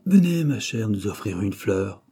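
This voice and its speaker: A man's voice: fairly low pitch, moderate pace, mellow, breathy edge. A man voicing a playful young sculptor in a read-aloud novel, calling out in a teasing, lifted voice.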